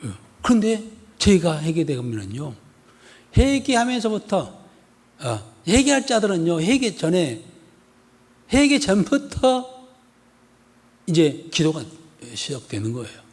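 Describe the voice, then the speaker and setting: A man's voice: high-pitched, slow, long pauses. A male pastor from the area gives an expository sermon, asking the congregation questions again and again and acting out scenes. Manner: animated, rhetorical questions to the congregation, acts out a scolding mother. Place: church sanctuary. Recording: husky voice in a long-reverb church hall.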